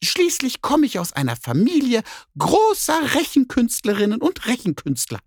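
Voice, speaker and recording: A man voicing a cheeky, boastful female neighbor cat in a children's story, with a high, snippy manner. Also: wildly swooping pitch, moderate pace, no echo, studio quality, heavily acted.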